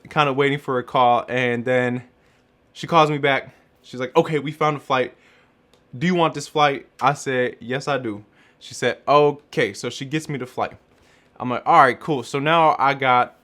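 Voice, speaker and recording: Young guy from Chicago, casual vlog storyteller, lively and slangy, acts out the dialogue. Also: medium pitch. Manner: animated slang-filled storytelling, acts out quotes. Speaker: vlogger telling a travel story.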